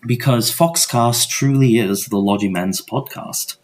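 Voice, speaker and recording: A young man hosting a podcast in a casual, rambling monologue from his dorm room, speaking in a quiet, just-woken-up voice with many stuttered restarts and casual swearing. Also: mid-range voice, unhurried. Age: young adult. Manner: quiet morning voice. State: just woke up. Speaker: podcast host.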